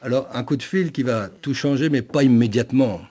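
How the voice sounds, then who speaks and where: A man, a priest, answering in an interview in a measured, self-deprecating way. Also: mid-range voice, mellow.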